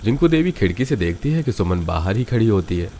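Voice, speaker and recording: A man narrating a cartoon story in an even, scripted storytelling manner. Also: on the low side, a little fast, a little hiss or hum.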